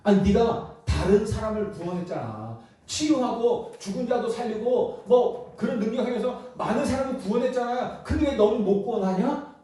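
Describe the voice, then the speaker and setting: A preacher putting on a taunting mob of jeering men. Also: male voice, high voice, moderate pace, mellow, voice pushed up, natural voice. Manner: taunting, sneering, goading. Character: jeering crowd of men mocking a condemned man. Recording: echoey church hall from far off.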